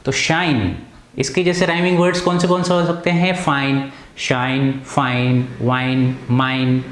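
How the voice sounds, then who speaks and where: A man teaching a lesson in Hindi, asking questions and answering them himself, and reading the lines slowly and carefully. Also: mid-range voice, little pitch movement, a bit bright, echoey room. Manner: slow, deliberate English reading. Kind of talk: classroom lesson explanation.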